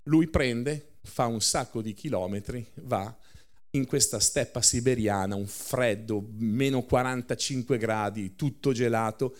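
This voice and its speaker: A man preaching a sermon, telling a story with lively acted-out quotes and short laughs between lines. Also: mid-range voice.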